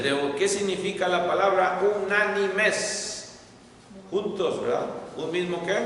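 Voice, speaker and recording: Bright-voiced man teaching a Bible class. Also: high-pitched. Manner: asks the class questions, repeats points in English. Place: church hall. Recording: echoey hall, far from mic, faint noise.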